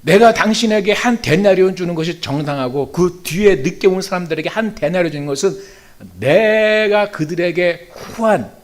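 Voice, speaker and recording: A man voicing a calm, generous vineyard owner who answers complaints in a low, soft, reasoning tone. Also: normal speed, close to an everyday voice. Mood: calmly reasoning.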